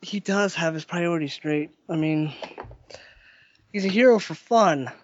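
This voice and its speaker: An unhurried speaker chats informally among friends at a slow pace. The recording is slightly dull and lo-fi. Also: mid-range voice, a little hiss or hum. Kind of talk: casual group chat.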